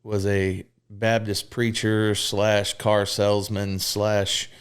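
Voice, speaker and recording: Frank man in his thirties, lower-pitched. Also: completely flat delivery, takes it slowly, clean tone. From Mississippi. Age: 30s. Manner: frank and open, peppered with fillers and profanity. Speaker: podcast guest. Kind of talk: candid conversational storytelling.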